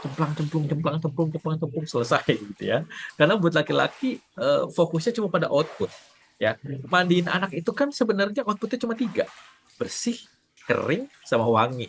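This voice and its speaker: Animated man coaching on parenting. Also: on the high side, moderate pace, gravelly, slight background noise. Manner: animated, acts out quoted wives with a raised voice. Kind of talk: casual talk to camera.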